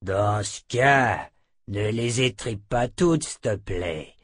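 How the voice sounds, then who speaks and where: A man's voice: on the low side, lively intonation, slow, no room sound, clean studio sound. A man voicing a cruel, sneering enemy soldier in an audiobook, mocking and smug. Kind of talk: audiobook character voice.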